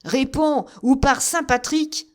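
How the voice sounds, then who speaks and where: A woman's voice: fairly low pitch, fairly even intonation, moderate pace, darkish tone, close to an everyday voice. A woman voicing a threatening soldier officer. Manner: threatening, raised voice. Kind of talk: audiobook character reading.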